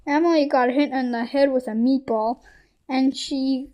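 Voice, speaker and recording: A woman's voice: sits high, fairly even intonation, measured pace, darkish tone. A woman narrating a children's audiobook in first person, often stumbling and restarting words as she reads. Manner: reading with frequent restarts and self-corrections. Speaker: audiobook reader.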